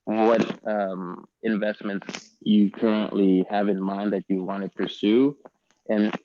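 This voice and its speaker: A man giving an online financial seminar, his audio crackling and cutting in and out as he talks with halting fillers. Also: fairly low pitch, level tone. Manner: halting, with frequent fillers and restarts. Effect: crackling, cutting-out mic audio. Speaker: financial presenter. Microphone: earpiece headset on a video call. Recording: crackly dull video-call audio.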